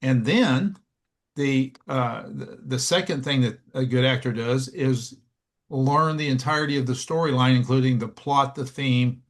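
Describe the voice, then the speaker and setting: A man of middle pitch, a church elder visiting as a guest on a casual podcast. He speaks in a measured way and gives advice. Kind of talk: casual chat.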